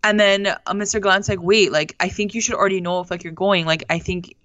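A co-host excitedly recapping a TV episode, acting out characters' lines with sassy quips. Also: mid-range voice, quick pace, no room sound, muffled recording. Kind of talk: casual episode recap chat.

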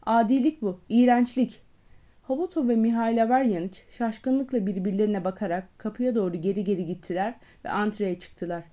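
A woman reads a classic novel aloud with measured, even storytelling. Her voice has a soft, mellow warmth at a middle pitch. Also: highs cut off. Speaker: audiobook reader. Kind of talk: scripted literary narration.

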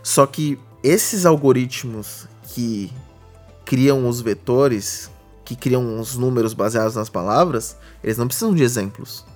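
A man's voice: mid-range voice, measured pace, darkish tone, faint music behind. A man with a Brazilian Portuguese accent, co-hosting a podcast and patiently explaining ideas with everyday examples. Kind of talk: casual explanatory chat.

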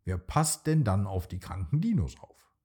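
A man voicing a small, eager boy dinosaur in a bedtime storybook, with an excited, pleading childlike voice. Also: deep voice, normal speed, breathy edge, exaggerated voice. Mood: cheerful.

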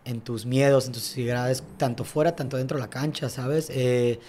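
There's a little hiss or hum behind this young man's dark, medium-pitched, steady voice. A tennis coach and guest on a casual podcast, he narrates his story quickly and reflectively, often asking "¿sabes?".

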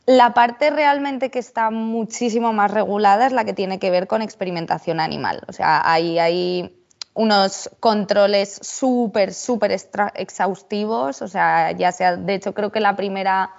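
A woman's voice: medium pitch, unhurried, vocal fry, highs cut off. A woman with a Spain Spanish accent, a researcher explaining with examples and frequent tag questions. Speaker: researcher guest. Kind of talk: explanatory panel talk.

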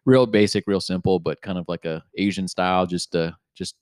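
Young guy podcast host, really low voice, chill, says dude a lot, dry studio sound. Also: fairly even intonation, a little fast, a little mellow, clean tone, no room sound. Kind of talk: casual podcast chat.

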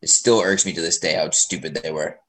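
A man's voice: deep voice, steady tone, a little fast, fairly bright tone. A young man on a podcast panel, chatting casually and giving blunt, emphatic opinions.

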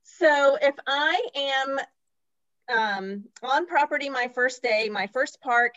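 A woman's voice: sits high, slow, fairly bright tone, no room sound, highs cut off. A woman co-hosting a casual podcast chat, chatty and laughing easily. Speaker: podcast co-host.

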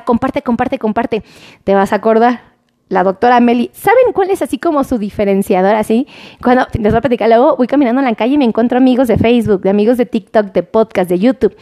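High-voiced chatty Mexican woman doctor. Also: darkish tone. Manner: chatty and affectionate, sends greetings and kisses by name. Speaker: doctor hosting a live stream. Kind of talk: casual live-stream chat, reading out viewer comments.

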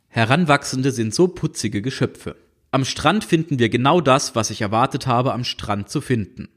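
Lively wry male audiobook narrator. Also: mid-range voice. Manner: wry, dry ironic storytelling. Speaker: audiobook reader. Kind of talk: scripted narration of a comic novel.

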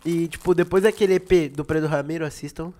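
A man co-hosting a casual chat, excitable and slangy, laughing a lot. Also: a little high, quick pace. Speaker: podcast co-host.

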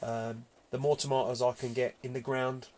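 An English man with a mid-pitched voice chats as a co-host. He is colloquial and blokey, circling back over his own phrases in a loose, informal way. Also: little pitch movement, moderate pace, darkish tone. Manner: blokey, colloquial, repeats himself. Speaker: podcast co-host on allotment gardening. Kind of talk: casual chat.

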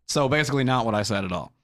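A man's voice: medium pitch, fairly bright tone, dry recording, studio quality. Upbeat, jokey man. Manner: jokey, laughs often, upbeat. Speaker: podcast co-host. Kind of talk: casual podcast chat.

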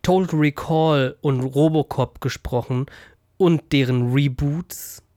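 A man's voice: on the high side, slow, dark tone, dry recording, clean studio sound. A man co-hosting a podcast in casual, playful conversation. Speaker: podcast co-host.

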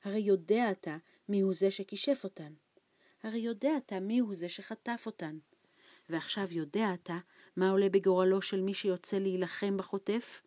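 A woman reading an audiobook, voicing a frightened, starving old man who talks in anxious, hushed pleas. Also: no room sound, lightly acted. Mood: fearful. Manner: anxious hushed pleading, raised pitch. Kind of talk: audiobook character voice.

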